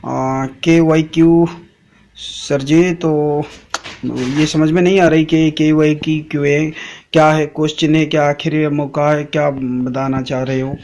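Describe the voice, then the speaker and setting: A man's voice: on the high side, little pitch movement, unhurried, a little mellow. A man talking casually to his viewers as a channel host. He reads out chat messages and rambles, with lots of "aa" fillers and "theek hai" tags.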